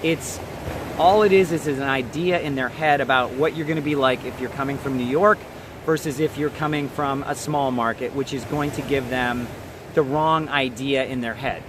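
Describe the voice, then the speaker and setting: A man's voice: mid-range voice, moderate pace, background noise. A man as an acting coach giving direct, emphatic career advice to camera, often checking in with "okay?".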